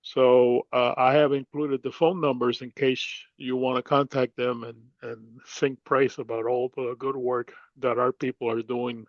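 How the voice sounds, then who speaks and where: A man giving a webinar presentation about business loans in a halting, formal way, his audio breaking up over a bad internet connection on a video call. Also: mid-range voice, flat delivery, no room sound, highs cut off. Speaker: government loan presenter.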